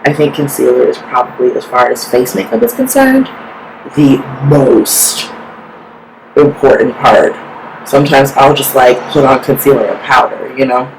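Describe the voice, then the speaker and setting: This woman's bass voice sounds creaky as she chats casually through a makeup tutorial at normal speed, filling her sentences with "like". A constant hiss runs under the recording.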